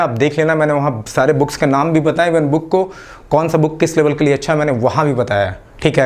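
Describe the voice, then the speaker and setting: Man, Jharkhand Hindi accent, raised pitch, motivational exam coach, mixes in English phrases. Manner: casual, repeats "ठीक है" as a filler. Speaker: exam coaching channel host. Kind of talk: exam-prep talk to the camera.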